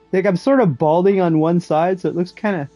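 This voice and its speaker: A man's voice: high voice, moderate pace, warm tone, no echo, soft background music, low-quality recording. A man chatting casually on a live game stream, rambling and joking at his own expense. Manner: rambling, joking and self-mocking.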